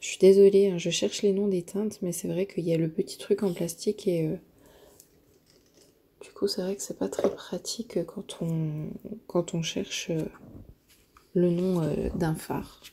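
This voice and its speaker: A woman narrating a makeup tutorial, hesitant and full of filler pauses, often dropping to a near-whisper while she works. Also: fairly low pitch, fairly even intonation, creaky, dark tone, a little hiss or hum. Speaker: beauty vlogger.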